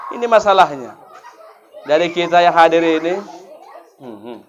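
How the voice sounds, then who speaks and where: A man preaching a joking, lively sermon to women, mimicking his listeners. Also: fairly high pitch, moderate pace, lo-fi sound, a little hiss or hum. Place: gathering hall.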